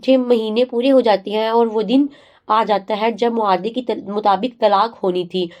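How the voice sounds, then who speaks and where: Brief: a woman narrator, steady storybook reading, slightly high pitch.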